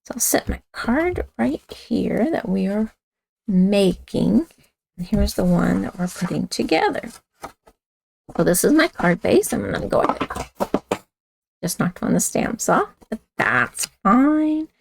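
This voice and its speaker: A woman with a raspy, gravelly voice walks through a card-making craft at an unhurried pace. She chats loosely, correcting herself as she works. The sound is close and dry. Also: mid-range voice, sing-song, no echo. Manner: chatty, talks while working with hands, self-correcting. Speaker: craft instructor. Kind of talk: casual craft tutorial.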